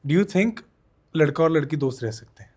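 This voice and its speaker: A man's voice: fairly high pitch, expressive, moderate pace, a little mellow, breathy edge. Chatty young male podcast host. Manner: mixes English into Hindi, chatty, frequent agreeing fillers. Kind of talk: casual podcast interview.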